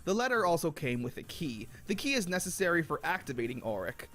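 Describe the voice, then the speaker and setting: A young man talks through an episode recap in a lively, swooping voice that sits a little high for a man. His narration is scripted and wry, with a sarcastic edge. Faint music plays under him. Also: fast. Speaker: host.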